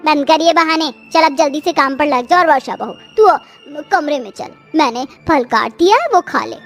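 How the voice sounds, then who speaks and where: A woman's voice: sits high, animated, normal speed, soft background music. A woman voicing a harsh, taunting middle-aged mother-in-law in a cartoon story. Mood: scolding. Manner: taunting, scolding.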